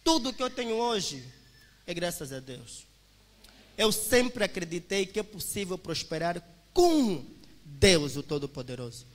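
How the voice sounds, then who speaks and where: In a large hall, a young Angolan Portuguese-accented man in his twenties preaches an emphatic motivational testimony, calling the congregation brothers. His high voice swings widely in pitch and never hurries.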